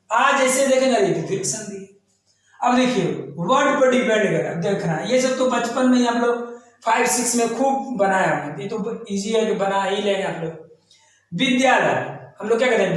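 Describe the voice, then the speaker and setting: High-voiced man teaching in an echoey room. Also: fairly bright tone. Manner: repetitive, chanting terms in lists. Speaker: grammar teacher. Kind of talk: exam coaching lesson.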